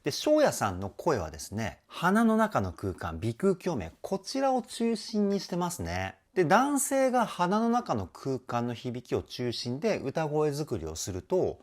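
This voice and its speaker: A man's voice: a little high, wildly swooping pitch, measured pace, hardly any pauses. A male vocal trainer hosting his channel, enthusiastically explaining singing technique while reacting to a music video. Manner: enthusiastic, explanatory, sings short demo phrases. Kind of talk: reaction and vocal analysis commentary.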